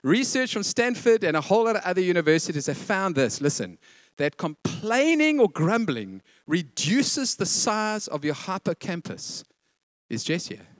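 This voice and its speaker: A man preaching with a high, sing-song voice that leaps all over the place. He's animated and playful, acting out quotes between the points of his sermon. The sound is close and dry. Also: normal speed, no room sound. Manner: animated, acts out quotes, laughs often. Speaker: pastor.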